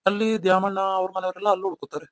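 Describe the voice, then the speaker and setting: A man's voice: sits high, steady tone, rapid-fire, dry recording, lightly acted. A man voicing a remorseful young husband in a cartoon story, coaxing and pleading with his wife. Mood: reminiscing.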